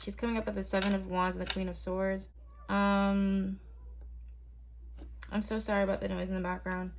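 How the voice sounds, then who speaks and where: A woman's voice: medium pitch, flat delivery, normal speed, a little hiss or hum. Young woman, tarot reader, casual, rambling, filler-heavy. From Barbados. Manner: chatty, hesitant, lots of ums and likes. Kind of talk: casual tarot reading to camera.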